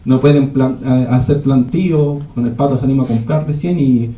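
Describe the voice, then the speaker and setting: Dark-voiced man teaching at a retreat. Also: medium pitch, steady tone, moderate pace. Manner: rambling with frequent restarts. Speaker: retreat speaker. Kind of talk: teaching talk at a church retreat. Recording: echoey room.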